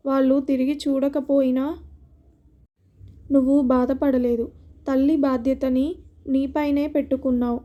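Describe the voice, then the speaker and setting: A woman reading as a caring, outspoken middle-aged friend in an audio story, high-pitched and mellow, speaking in a fairly flat, even tone. She scolds and teases with frank affection. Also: natural voice. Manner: teasing, then scolding.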